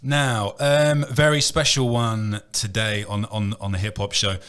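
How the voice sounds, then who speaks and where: A man's voice: lowish voice, level tone, a little slow, fairly bright tone, smooth. A man hosting a hip hop show, upbeat and hyping, often repeating words as he starts. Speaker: show host. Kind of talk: casual interview chat.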